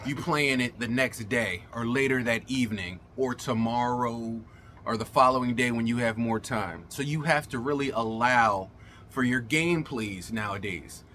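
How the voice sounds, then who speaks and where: In his casual gaming vlog, a middle-aged host performs for viewers with emphatic, everyday showman's talk, his words a bit slurred as if his mouth were swollen. The voice is medium in pitch, pushed and bright, at a moderate pace, with slight background noise.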